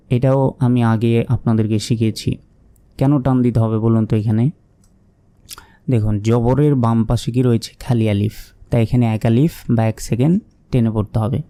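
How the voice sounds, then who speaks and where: A man's voice: mid-range voice, warm tone, smooth, no room sound. A man teaching Quran reading step by step, spelling out letters and marks, asking questions and then answering them patiently.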